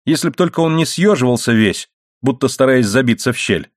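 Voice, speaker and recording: A man's voice: mid-range voice, expressive, fairly quick, no echo, pitched above the performer's own voice, close to an everyday voice. A dry, teasing middle-aged wife of a miner, read by a man in a voice close to his own. She talks level and matter-of-fact, with a close, dry sound.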